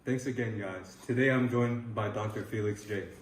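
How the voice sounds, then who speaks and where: A man acting as an earnest, patriotic male 1940s reporter. He has a low voice and asks scripted interview questions in an echoey room with faint noise. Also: steady tone, normal speed, close to an everyday voice. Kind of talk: scripted news interview role-play.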